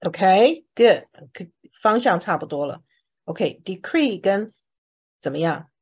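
A woman's voice: mid-range voice, sing-song, takes it slowly, husky. A woman teacher explaining English words to a class, often stopping to ask if anyone has questions. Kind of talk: classroom vocabulary lesson.

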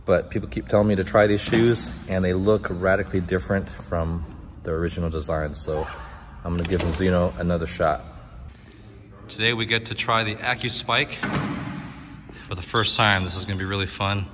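A man's voice: sits low, fairly even intonation, a little fast, in a large hall, background noise. A man in his thirties chatting casually as a vlogging sports coach, recorded on a phone inside a gym. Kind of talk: casual vlog chat. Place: indoors at a gym. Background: music.

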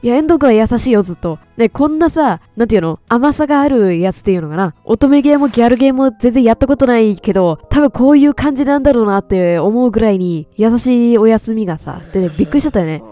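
A woman streamer doing loud, excitable let's play commentary into a close mic. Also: fairly high pitch, quick pace, hardly any pauses, soft background music. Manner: excitable, loud, laughs often. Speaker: game streamer.

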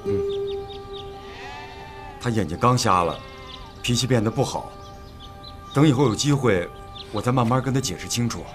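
An actor playing an earnest, soft-spoken young son pleading with his mother in a period TV drama, music behind. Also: medium pitch, animated, moderate pace, long pauses, lightly acted. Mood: quiet. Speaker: dutiful son. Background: drama score music.

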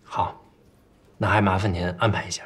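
A young assistant with a low, husky voice who chooses his words carefully. He is polite but keeps probing for the facts. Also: steady tone, normal speed, a bit bright. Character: cautious, sharp young male assistant. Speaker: executive assistant.

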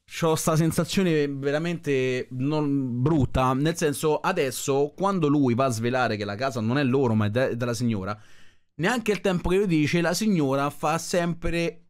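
A man's voice: on the high side, measured pace. A man giving casual, skeptical commentary on a video, rambling with restarts. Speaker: reaction video host.

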